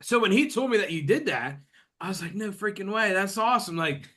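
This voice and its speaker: A man in his late thirties hosts a podcast, chatting casually and rambling with plenty of fillers. His voice is high-pitched, sharp, and animated, and he talks briskly.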